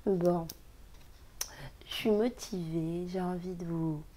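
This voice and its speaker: A woman's voice: medium pitch, expressive, unhurried, gravelly, heavy background noise. A woman giving a casual daily card reading, chatty and emphatic, breaking into laughs as she gives advice. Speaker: tarot card reader.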